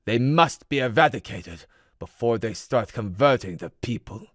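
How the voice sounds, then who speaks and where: A man's voice: mid-range voice, lively intonation, moderate pace, a bit bright, dry recording, clean studio sound. A man voicing a tyrannical male world leader who speaks in a harsh, commanding way. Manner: harsh, commanding, heavy accent.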